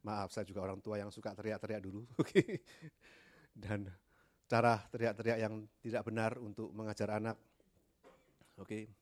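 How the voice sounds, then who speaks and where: A middle-aged man preaching a sermon, gentle and hesitant, with many fillers and English words mixed in. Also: fairly low pitch, little pitch movement, normal speed, long pauses.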